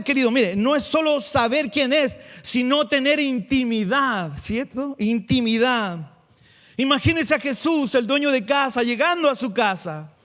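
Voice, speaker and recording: High-voiced man preaching a sermon. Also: a bit bright. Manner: preaches with rhetorical questions to the congregation. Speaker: pastor.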